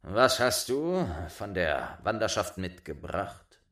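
A gruff old tailor father, played by a male storyteller, sounding doubtful and a little scornful. His voice sits low and moves slowly. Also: sing-song, a bit bright, full character voice. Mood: skeptical.

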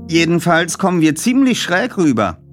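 A man's voice: on the high side, very animated, normal speed, soft background music. Man reading as a wry detective making dry remarks, storybook dialogue.

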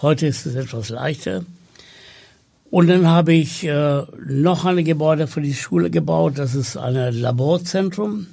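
A podcast guest from Sri Lanka, whose first language is Tamil, speaks slowly in a conversational interview, hesitating often and using many fillers. His voice is gravelly and on the high side, with a dark tone.

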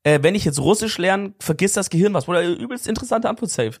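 A man's voice: sits high, expressive, fast talker, breathy edge, dry recording, clean studio sound. A young man co-hosting a podcast, chatting casually in slangy, rambling explanations. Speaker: podcast co-host. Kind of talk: casual chat.

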